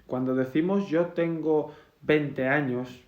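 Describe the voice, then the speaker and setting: A man's voice: a little high, fairly even intonation, slow, darkish tone, dull audio. A man from Spain with a Spanish accent, teaching English grammar and patiently repeating examples step by step. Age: adult, over 20. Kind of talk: grammar lesson.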